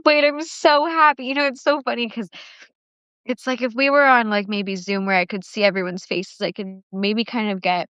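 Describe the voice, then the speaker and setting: A woman's voice: mid-range voice, steady tone, moderate pace, fairly bright tone, clean tone, dry recording. A woman hosting a self-love workshop on a livestream, talking casually with lots of "like" fillers after a guided meditation. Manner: chatty, with frequent "like" fillers. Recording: dry, slightly dull lo-fi livestream audio.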